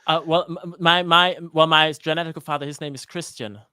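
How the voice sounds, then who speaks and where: A man's voice: on the high side, fairly even intonation, fairly quick, bright, forceful tone, smooth, no echo, studio quality. A man in his thirties from Denmark, a guest on a live-streamed interview, talking hesitantly with many restarts. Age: 30s.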